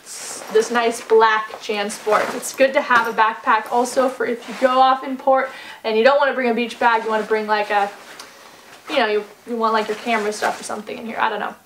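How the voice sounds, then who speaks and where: A woman in her 20s chats through a casual packing vlog in a carpeted living room beside a fireplace, upbeat and full of "like"s and "um"s. Her fairly bright voice is a little high, with little pitch movement and a slightly fast pace. The audio is poor, with a little hiss or hum.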